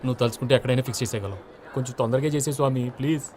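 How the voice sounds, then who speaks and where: A man's voice: mid-range voice, very fast, lightly acted. An actor playing an earnest, pleading young man praying in a film comedy scene. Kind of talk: Telugu film comedy acting. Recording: film soundtrack with loud music.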